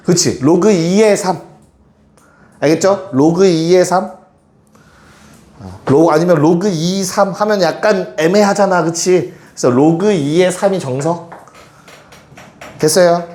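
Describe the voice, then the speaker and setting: A man's voice: fairly high pitch, measured pace, pauses often, a little mellow. A man teaching a math class to students, often stopping to check that they understand. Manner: addresses students directly, keeps checking they follow. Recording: echoey classroom with faint noise.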